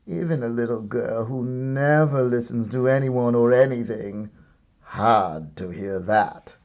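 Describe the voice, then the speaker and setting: A man reads a children's story aloud as an expressive narrator, theatrical and deliberate with comic timing. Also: medium pitch, dull audio. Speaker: storybook reader, art and stories teacher.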